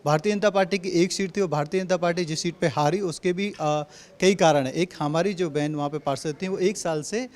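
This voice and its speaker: A man with a notably high voice and a Delhi Hindi accent, speaking as a party spokesperson in an interview. He answers forcefully and drives each argument home with repeated rhetorical phrases. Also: a little fast. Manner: assertive, repetitive rhetorical points.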